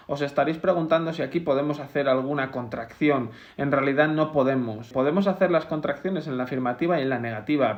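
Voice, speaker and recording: A man's voice: medium pitch, highs cut off. A man from Spain with a Spanish accent, teaching English grammar and patiently repeating examples step by step. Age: adult, over 20. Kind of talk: grammar lesson.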